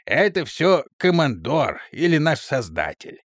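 A man playing a touchy, cocky medic robot, voice lifted above his own. He boasts in a lively, bouncing tone, and the sound is close and dry. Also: a little high, measured pace, dry recording.

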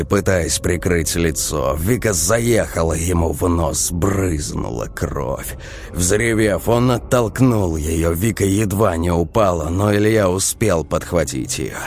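A man narrates a story in a deep, gravelly voice. He reads slowly, with lively rises and falls in his intonation. Faint music plays behind him. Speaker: audiobook narrator. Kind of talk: scripted narration.

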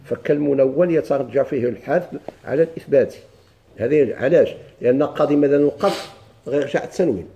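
A man with a Moroccan Arabic accent leads a grammar lesson in a very dark, mellow voice. He quizzes the class, then answers his own questions, and reads lines of the text slowly. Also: medium pitch, muffled recording, a little hiss or hum. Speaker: grammar teacher.

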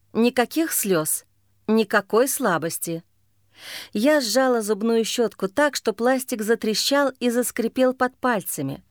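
A woman's voice: on the high side, dry recording, clean studio sound. A woman narrating a first-person audiobook in an intense, bitter, emotionally charged way.

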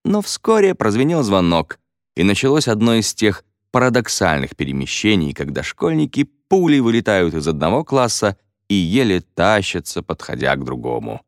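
A man reads a story aloud with expressive, playful delivery. His voice sits very low yet rises and falls in a lively way. The sound is dry and close, with no room echo. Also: normal speed. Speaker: audiobook narrator. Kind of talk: scripted audiobook narration.

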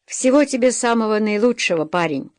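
Woman reading as a gruff blacksmith master. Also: on the high side, animated, fairly quick, no room sound, studio quality, natural voice. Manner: gruff, a bit hurt, loudly encouraging. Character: gruff middle-aged male blacksmith master. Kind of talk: audiobook reading.

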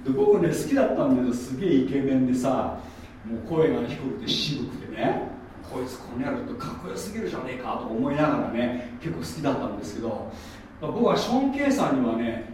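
A man preaching a sermon as a pastor, in a chatty, lively storytelling manner with mocking asides. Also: mid-range voice, quick pace, a little hiss or hum. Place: church hall. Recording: echoey room from far off.

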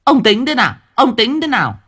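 A man's voice: very high voice, very animated, a little fast, a bit bright, slightly rough, pitched above the performer's own voice, exaggerated voice. A man voicing an angry village woman who shrilly accuses a neighbor in a storybook reading. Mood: furious. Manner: shrieking complaint.

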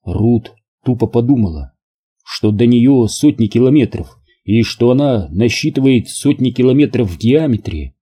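A male audiobook narrator with a very dark, mellow voice and a husky edge. He reads in an even, measured way at a middle pitch.

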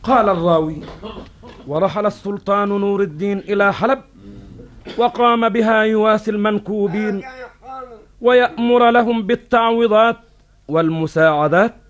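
High-voiced man acting as an cafe storyteller. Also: normal speed, pauses often, natural voice. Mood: declamatory storytelling. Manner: declamatory, formulaic addresses to listeners. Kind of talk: Arabic cafe storyteller narration in formal classical Arabic.

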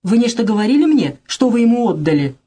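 A stolid male house servant, sly and blunt, voiced by a woman in a stage-play reading. He keeps stubbornly playing dumb in a raised, husky voice. The tone underneath stays dark. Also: on the high side, big pitch swings, fast, voice pushed up. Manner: blunt, stubborn, feigning ignorance.

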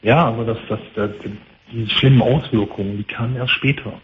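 A man in his thirties calling a talk show, giving a halting personal account over an unclean phone line. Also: medium pitch. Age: 30s. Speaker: phone-in caller. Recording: unclean tinny phone line, faint noise.

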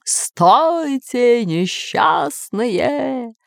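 Slow menacing ghostly pirate, male, lively pitch, as a woman puts him on. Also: dry recording, clean studio sound, full character voice. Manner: slow, drawn-out, threatening.

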